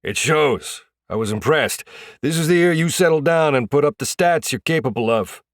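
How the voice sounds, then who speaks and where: A man's voice: fairly high pitch, animated, moderate pace, no room sound, pitched above the performer's own voice, natural voice. Brief: male narrator doing a stern, clipped hockey coach for an audiobook, dry close sound. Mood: approving. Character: hockey coach, middle-aged man, stern.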